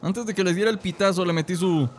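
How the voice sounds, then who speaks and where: A man's voice: high-pitched, quick pace, slight background noise. A man with a Mexican accent giving chatty gameplay commentary, talking through a tired throat with a lozenge in his mouth. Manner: chatty, talks to his companion and the audience, bursts into excited shouts. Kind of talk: casual let's-play commentary.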